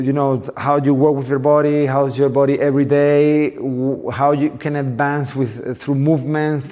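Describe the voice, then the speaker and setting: A man's voice: on the high side, darkish tone. Man in his forties, reverberant. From Venezuela. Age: 40s. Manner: thoughtful, searching for words in a second language. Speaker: guest dance teacher. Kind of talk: interview answers.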